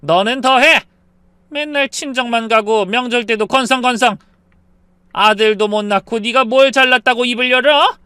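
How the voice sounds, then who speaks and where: Brief: bossy older mother-in-law in a storybook reading, voiced by a man, high and clean, belittling. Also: fairly even intonation, moderate pace, pushed and bright, clear, resonant tone, dry recording. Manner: cold, belittling scolding. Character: scornful older woman, domineering mother-in-law.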